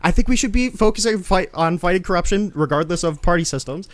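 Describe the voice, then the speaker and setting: A man with a squeaky voice in a heated online debate, insistent and sarcastic, often cutting in. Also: expressive, quick pace, no room sound.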